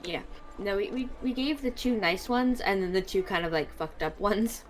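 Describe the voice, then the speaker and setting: Lively woman tabletop player. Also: medium pitch, normal speed. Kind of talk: casual chat.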